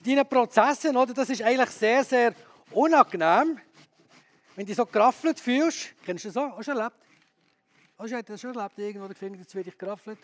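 High-voiced preacher. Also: male voice, fast. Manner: lively, candid, asks the audience questions. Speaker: pastor. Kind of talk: sermon.

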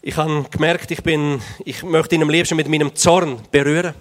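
A man's voice: on the high side, steady tone, normal speed. A man interpreting a testimony line by line, earnest and sometimes stumbling over words. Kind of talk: live consecutive interpretation.

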